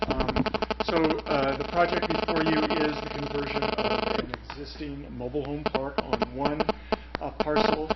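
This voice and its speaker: A man's voice: a little high, animated, normal speed. A man giving a hesitant, formal planning presentation while a phone near the microphone causes buzzing interference. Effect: buzzing phone interference over the mic. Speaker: contract planner. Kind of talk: formal public hearing presentation. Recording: dull lo-fi council mic with faint hum.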